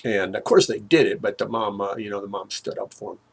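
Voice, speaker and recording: An older man telling a personal story in a halting way, with many fillers and restarts, his voice dropping low at grim moments. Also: fairly even intonation. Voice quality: gravelly, husky voice.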